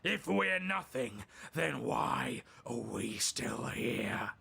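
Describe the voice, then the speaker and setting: An actor playing a stubborn, combative inner voice of a hero in a video game, rough and gravelly. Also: male voice, medium pitch, big pitch swings, very slow, bright, forceful tone, heavily acted. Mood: defiant.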